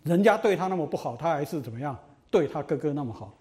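A middle-aged university lecturer with a mellow, somewhat high voice. He tells old stories with lively asides and keeps asking the students rhetorical questions. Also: fast talker. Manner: animated storytelling, rhetorical questions.

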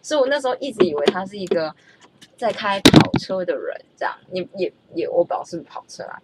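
A young woman, telling a story in a chatty, animated way and stammering when she gets excited. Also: mid-range voice, quick pace, very noisy. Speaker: vlogger. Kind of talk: casual storytelling.

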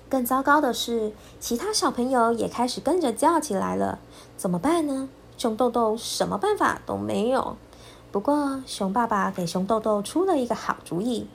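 A woman storyteller narrating a children's story. Her voice sits high and moves expressively through a wide range. The delivery is clear and lilting, with faint noise behind her.

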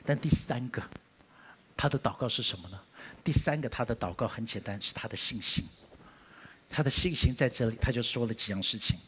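A man preaching a sermon as a pastor, shifting abruptly into high, emphatic bursts. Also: fairly quick, slightly rough. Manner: animated preaching, sudden climbs to high emphatic pitch.

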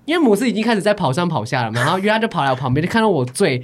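A woman's voice: lowish voice, very animated, rapid-fire. A woman telling a story in casual chat with friends, giggling often and acting out quotes in English.

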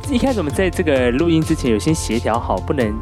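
A man's voice: fairly high pitch, big pitch swings, fast, over music. A man with a Taiwanese accent hosting a casual podcast interview in a playful, bantering way. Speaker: podcast host, radio broadcaster.

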